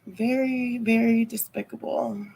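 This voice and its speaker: A woman's voice: on the high side, steady tone, unhurried, gravelly, warm tone, breathy edge, rough recording. A woman livestreamer chatting casually with viewers, rambling and heavy on fillers. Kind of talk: casual chat.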